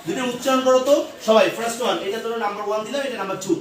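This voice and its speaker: A man's voice: very high-pitched, racing, very echoey, recorded from a distance. A man teaching English to a class, asking questions over and over and having students repeat words after him. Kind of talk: classroom lesson.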